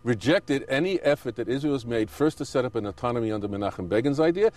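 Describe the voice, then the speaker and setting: A man's voice: mid-range voice, lively intonation, fast, darkish tone. A man answering as an interview guest, arguing back insistently with some hesitant self-corrections. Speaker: interview guest, Israeli settler.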